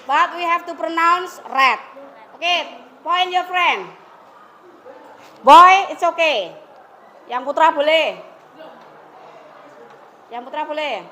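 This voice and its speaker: A woman's voice: extremely high pitch, expressive, slow pace, long pauses, pushed and bright, slight background noise. A woman English teacher leading a classroom lesson, coaxing and prompting her students to come forward and answer.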